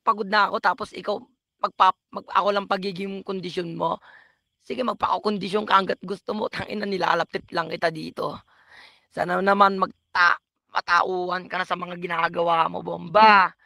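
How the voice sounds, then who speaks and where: A hoarse man in a live freestyle insult battle, taunting and cursing at his opponent. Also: high-pitched, little pitch movement, normal speed, pushed and bright, dry recording. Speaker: battle rapper.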